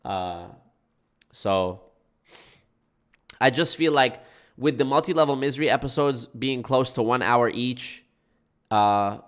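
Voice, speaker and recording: A man with a mid-range, slightly bright voice and a stuffed-up, blocked nose chats casually with viewers on a livestream. He takes his time, leaving long pauses, and talks informally with some swearing and a folksy "y'all."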